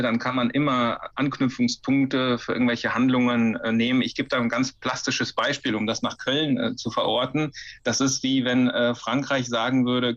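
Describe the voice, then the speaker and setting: A man's voice: medium pitch, a bit bright, highs cut off. A man from Ukraine, a historian answering interview questions with many fillers and restarts. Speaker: historian guest.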